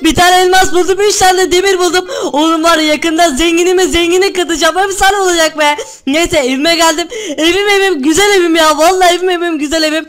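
Man as a shrill, bragging Minecraft villager, excitable and whiny. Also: fast talker, few pauses. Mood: boastful. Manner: excitable, panicky, loud whining. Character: boastful male Minecraft villager robbed by pranksters. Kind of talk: Minecraft role-play voice acting.

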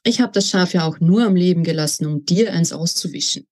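A woman's voice: on the low side, fairly quick, a little mellow, natural voice. A woman reading as a stern, weary man. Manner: dry, grumbling.

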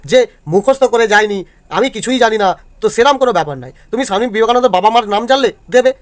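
A man's voice: very high-pitched, racing. A male teacher explains exam answers to students step by step and keeps checking that they follow. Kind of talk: exam answer walkthrough lesson.

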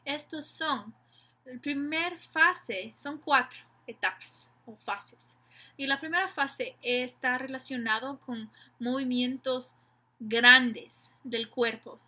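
A woman's voice: high voice, slow pace, pushed and bright. A woman giving parents an informal lesson, explaining patiently step by step. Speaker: educator giving tips to parents.

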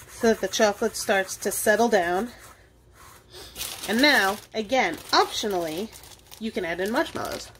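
There's a little hiss or hum behind this woman's mid-range voice. She's the host of a library cooking show, chatting through an informal tutorial step by step as she works with her hands at the kitchen counter.

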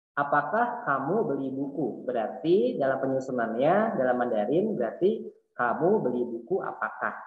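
A man with an Indonesian accent teaching a Mandarin class online, explaining patiently and repeating words slowly. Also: mid-range voice. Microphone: video call. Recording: echoey tinny online call audio.

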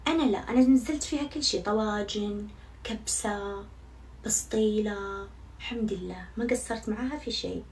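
A young female vlogger chats casually with her viewers, often mocking herself and swearing oaths. Her medium-pitched voice is brisk and a little mellow, with frequent pauses. She sits somewhat far from the mic, with faint background noise.

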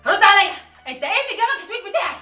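A woman's voice: sits high, very animated, fast talker, a bit bright, faint music behind. A flustered, scheming Egyptian mother. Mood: indignant. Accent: Egyptian Arabic. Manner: sugary coaxing, nervous laughs. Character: scheming, flustered mother hiding a secret marriage. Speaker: actress. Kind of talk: sitcom acting. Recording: roomy set sound.

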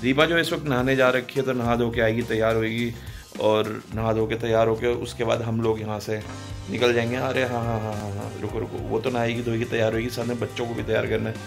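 A man in his thirties chats into a phone at arm's length, telling his viewers about the family's plans in a teasing, easygoing way. His voice sits at an ordinary middle pitch, with soft background music under it. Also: steady tone, a little fast, vocal fry. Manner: chatty, teasing, hurrying the family along. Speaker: vlogger. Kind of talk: casual family vlog. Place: home bedroom, later in a car. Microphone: phone camera at arm's length.

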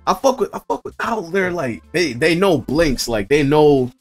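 A man's voice: on the high side, sing-song, normal speed, soft background music. A tired young man casually reacting to a video late at night, laid-back and slangy, swearing freely and calling everyone bro. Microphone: own microphone.

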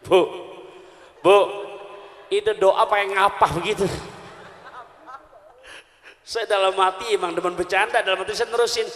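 A man's voice: high-pitched, normal speed, long pauses. A male preacher giving a humorous sermon, calling out questions to the audience and joking with rhymes. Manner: animated, calls out questions to the audience, jokes with rhymes. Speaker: Islamic preacher. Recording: echoey hall with long reverb.

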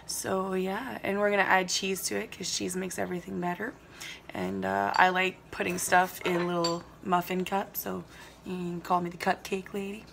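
A woman's voice: medium pitch, background noise. Woman in her 30s cooking at home, chatty and all over the place, pans and dishes clanking behind her. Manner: chatty, rambling, self-correcting as she goes. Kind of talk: casual unscripted cooking demo. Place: home kitchen, indoors. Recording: clear kitchen clatter of dishes and pans.

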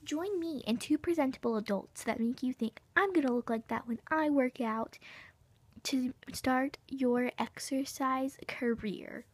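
Husky, high-voiced infomercial fitness host played by a woman. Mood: salesy, upbeat. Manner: salesy, rhetorical questions, deliberate emphasis. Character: earnest female fitness infomercial host, a doll. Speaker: infomercial presenter. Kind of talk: parody infomercial pitch.

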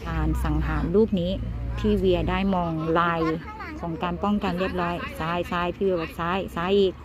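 A woman giving lively amateur commentary on a seven-a-side football match, shouting player names again and again as the play moves. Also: on the low side, a crowd in the background. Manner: lively, rapid repeated calls of player names. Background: music.

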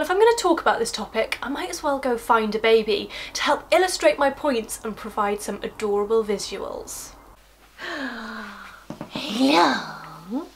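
A young woman hosting a science explainer video, delivering a scripted, upbeat explanation in a clear voice. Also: on the high side.

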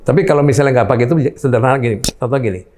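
An older man explaining talent mapping in a relaxed talk show conversation, giving examples from his grandchildren. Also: mid-range voice, racing, crowd noise.

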